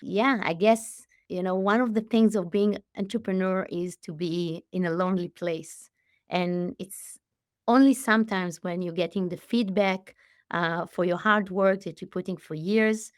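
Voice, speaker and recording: A woman in her late forties, originally from Israel, answering interview questions as a company head, speaking with frequent pauses, fillers and restarts. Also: lowish voice, steady tone, no room sound, clean studio sound. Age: 40s. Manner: warm, halting, many fillers and restarts. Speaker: CEO and guest. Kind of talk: conversational interview.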